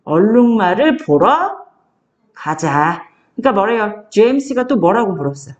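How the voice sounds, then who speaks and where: A woman tutoring a child one-on-one, coaxing the child along and reading sentences out slowly before explaining them. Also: mid-range voice, sing-song, a little mellow, lo-fi sound.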